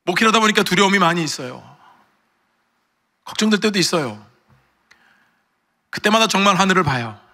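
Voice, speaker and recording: A middle-aged man preaching a sermon as pastor, animated, acting out the voices he quotes. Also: sits high, moderate pace, long pauses. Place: church sanctuary. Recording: long church reverb.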